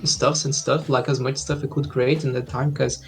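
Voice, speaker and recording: His mid-range voice is flat and creaky at normal speed. He's a Brazil-born indie game developer in his thirties, a guest on a casual interview over a laptop call from home with faint music behind, easygoing and hesitant with many fillers.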